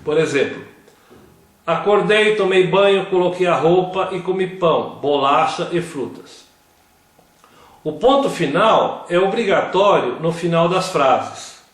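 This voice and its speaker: A man giving a slow scripted grammar lesson, reading word examples one at a time. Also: sits high. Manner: reads word lists one by one. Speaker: grammar teacher. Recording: very echoey room.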